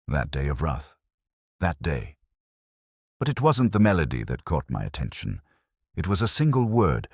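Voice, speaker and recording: A man playing a weary, brooding police inspector, extremely deep voice, lively rise and fall, dry close sound, measured storybook narration. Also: husky, no echo, exaggerated voice. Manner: measured, reflective, literary. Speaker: first-person narrator. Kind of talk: scripted mystery narration.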